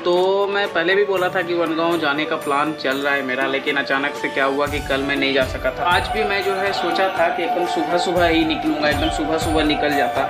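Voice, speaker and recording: Young guy from west bengal on his bike, high-pitched chatty vlog talk, loud music in the background. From West Bengal, India. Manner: chatty, keeps calling the viewers guys and brother, many filler words. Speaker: motovlogger. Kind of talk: casual moto vlog narration while riding. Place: outdoors on a motorbike on a highway.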